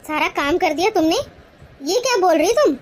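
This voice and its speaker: A woman's voice: high voice, fairly even intonation, a little fast, close to an everyday voice. A woman voicing a young married woman in a cartoon, a caring but strict sister-in-law who scolds in a bossy yet affectionate way. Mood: scolding.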